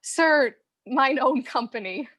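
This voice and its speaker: A woman's voice: sits high, expressive, takes it slowly, fairly bright tone, heavily acted. A woman playing a flustered young lover. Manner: breathless, laughing, flustered. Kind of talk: stage verse acting.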